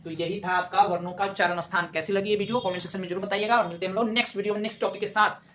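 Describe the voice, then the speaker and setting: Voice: mid-range voice, steady tone, racing, fairly bright tone, roomy sound. A teacher giving an online grammar lesson, explaining step by step, asking rhetorical questions and answering them, and repeating key terms.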